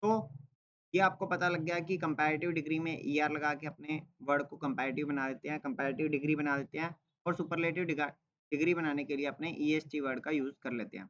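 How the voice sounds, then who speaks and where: A man's voice: a little high, fairly even intonation, brisk, fairly bright tone, lo-fi sound. A man teaching English grammar in a classroom-style lesson, explaining step by step and checking in with his listeners as he goes. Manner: explains step by step, repeats "ठीक है" and asks rhetorical "क्या" questions.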